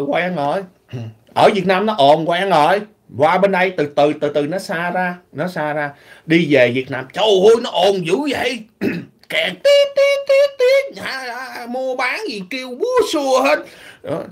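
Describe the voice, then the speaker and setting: Animated high-voiced man vlogging. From Vietnam. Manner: animated, opinionated, clears throat often. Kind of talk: casual monologue vlog.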